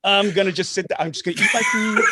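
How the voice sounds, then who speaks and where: A man from Canada telling an animated anecdote on a discussion panel. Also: high-pitched, fast talker, raised voice, very noisy. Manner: animated storyteller. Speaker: panelist, actor.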